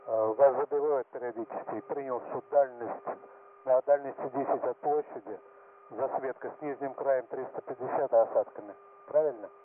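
A man's voice: medium pitch, moderate pace. A man on a two-way radio who carefully reads messages back in clipped radio procedure. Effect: two-way radio transmission. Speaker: radio operator. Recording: tinny band-limited radio with faint hiss.

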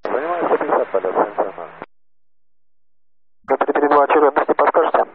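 A man's voice: a little high, animated, brisk, slightly rough. A man speaking as an airline pilot in clipped readbacks over a radio transmission. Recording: tinny cockpit radio with faint noise.

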